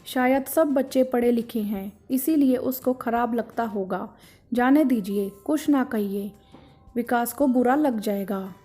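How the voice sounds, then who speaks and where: A woman voicing a meek, tearful middle-aged wife who speaks softly and plays down her hurt. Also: a little high, measured pace, faint music behind. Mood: sad. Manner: soft, self-effacing.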